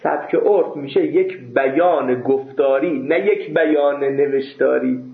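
A man's voice: medium pitch, vocal fry. A man teaching a seminary class, lecturing emphatically and answering his own rhetorical questions. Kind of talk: classroom lecture on Islamic jurisprudence. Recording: echoey room over a phone-like line.

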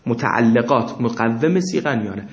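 A man's voice: medium pitch, lively intonation, echoey room, lo-fi sound. A man teaching a seminary class, explaining texts and posing questions to his students and answering them himself, reading passages aloud between his explanations. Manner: reads Arabic passages aloud. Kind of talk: lecturing on Islamic jurisprudence.

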